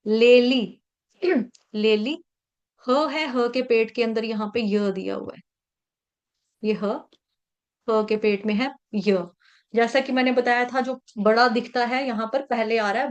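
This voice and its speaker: A woman teaches verse recitation over a video call in a fairly high voice. She works slowly and patiently, breaking each word into syllables and repeating them for her students. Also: highs cut off. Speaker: online Sanskrit verse teacher.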